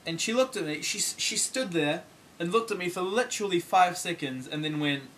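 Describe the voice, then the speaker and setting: A man's voice: sits high, a little hiss or hum. Exasperated teenage guy telling a comic rant. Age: teens. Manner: animated, exasperated, quick to swear, acts out other people's lines. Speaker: vlogger. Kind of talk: comic storytelling vlog.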